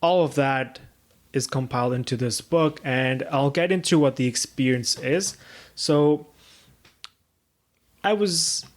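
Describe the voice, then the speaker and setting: A young man from Pakistan speaks in an earnest, searching way on his own podcast. His voice sits at an ordinary middle pitch, and he pauses often with fillers as he reflects on his path. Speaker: podcast host. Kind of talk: reflective solo podcast monologue.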